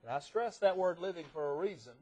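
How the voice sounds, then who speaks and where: Emphatic preacher with a raised voice. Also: male voice, a little high, lively intonation, fast talker, breathy edge. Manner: emphatic, swings from quiet asides to loud stressed phrases; asks rhetorical questions and answers them. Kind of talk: sermon. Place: church.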